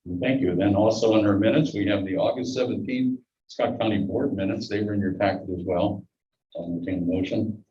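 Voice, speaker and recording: Chairing a public board meeting, a man speaks briskly in a dark, steady voice that sits on the low side, muffled through a face mask. He moves through the agenda with dry asides. The recording comes from a distance in an echoey meeting room and sounds dull.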